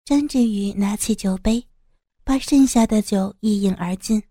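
A woman narrating an audiobook story in an even, measured way. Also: medium pitch, no room sound, studio quality.

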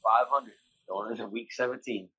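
A man's voice: mid-range voice, steady tone, moderate pace, pushed and bright, slightly rough. A man on a video call, a football fan talking bluntly and swearing freely in a casual interview, his audio sometimes breaking up. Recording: dull lo-fi video call line.

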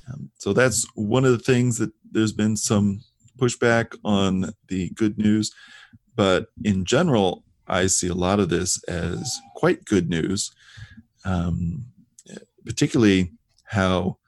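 Give me a low-pitched man co-hosting a talk show in a loose, meandering way, recorded dry and close. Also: no echo. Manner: rambling, frequent fillers and restarts. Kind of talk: casual conversational discussion.

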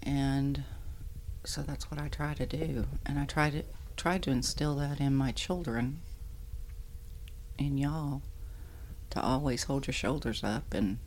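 A woman's voice: very deep voice, unhurried, long pauses. Candid middle-aged woman, some background noise. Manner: animated, self-deprecating, candid. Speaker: podcast guest, the host's mother. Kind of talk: casual interview chat. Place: indoors at a dining room table at home.

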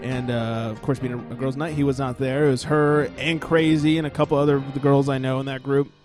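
A man's voice: medium pitch, steady tone, a little fast, over music. A man hosting a podcast, telling a story in loose, jokey, profane casual chat.

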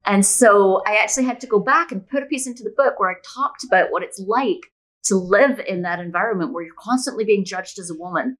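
Speaking in a mid-range, somewhat bright voice at a fairly quick clip, a middle-aged novelist from Scotland responds to interview questions as a guest. The recording is rough, and her manner is conversational and thoughtful, illustrating points with examples.

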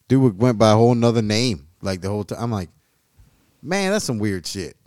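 A young adult man chatting on a podcast, profane and excitable and quick to laugh. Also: on the low side, no room sound. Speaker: podcast guest. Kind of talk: casual chat.

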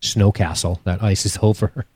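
A man co-hosting a casual podcast chat, animated and joking, swearing freely. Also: fairly low pitch, moderate pace, slightly rough, dry recording. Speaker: podcast co-host. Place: home studio.

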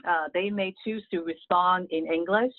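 A middle-aged woman whose voice sits on the low side talks at normal speed in a dry recording with tinny phone quality. She comes from Hong Kong, speaks Cantonese as her first language, and works in real estate; as a guest she offers earnest, casual interview answers with many "you know" fillers.

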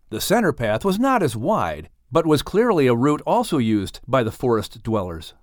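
A mid-pitched male narrator reads a children's story in an expressive, scripted storybook style. His delivery is lively and dramatic, carefully phrased, and recorded dry in a studio.

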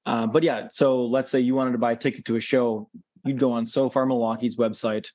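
A man who organizes concerts chats casually as a podcast guest, relaxed and explaining at an easy pace yet fairly quick. Fillers like "um" and "you know" and restarted sentences run through his talk. His mid-range voice is captured dry and close, with no echo.

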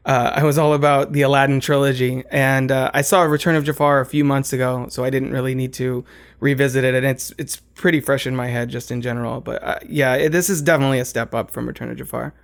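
A man chatting on a podcast, relaxed and rambling. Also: mid-range voice, fast, gravelly. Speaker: podcast co-host. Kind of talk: casual podcast chat.

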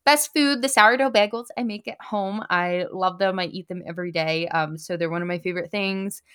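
Bright-voiced upbeat woman co-host. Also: lowish voice, clear, resonant tone. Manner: upbeat, laughs often, quick lists. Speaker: podcast co-host. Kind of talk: casual chat.

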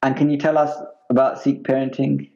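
A man's voice: medium pitch, little pitch movement, brisk, gravelly, mellow. A man hosting a podcast interview in an informal, appreciative way. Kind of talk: conversational interview. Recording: dull, muffled lo-fi sound.

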